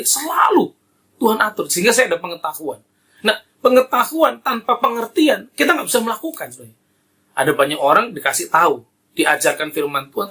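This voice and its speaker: A man's voice: sits high, fairly bright tone, slightly rough. A middle-aged male pastor preaching a sermon and praying for his congregation, with emphatic rising exclamations and frequent direct address to his listeners.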